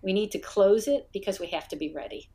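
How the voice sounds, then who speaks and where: A woman speaking as an interview guest on a podcast, conversational, earnest and measured. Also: medium pitch, dark tone. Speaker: podcast guest, military family nonprofit co-founder.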